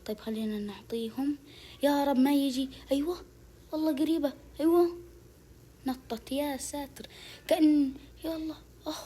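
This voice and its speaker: A channel host giving casual gameplay commentary, urging the game on with quick repeated words. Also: high-pitched, mellow.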